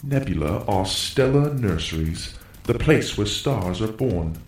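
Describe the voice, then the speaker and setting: A know-it-all robot co-pilot in a storybook, voiced by a man, rattling off facts with a bouncy, lively pitch. The voice rings in a roomy echo. Faint music plays underneath. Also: measured pace. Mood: instructive. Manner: lecturing, fact-reciting. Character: nerdy, jittery male robot co-pilot. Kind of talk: storybook voice acting.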